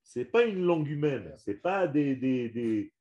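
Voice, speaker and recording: Slow, dark-voiced man teaching a religious lesson. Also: mid-range voice, big pitch swings, lo-fi sound. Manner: slow, emphatic, repeats and restarts words, stresses Hebrew terms. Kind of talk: religious lesson to a small audience.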